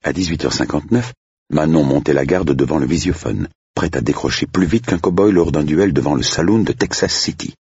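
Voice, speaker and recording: A man narrating an audiobook with lively storytelling. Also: rumbling low, fairly quick, breathy edge, dry recording. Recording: dull, dry lo-fi recording.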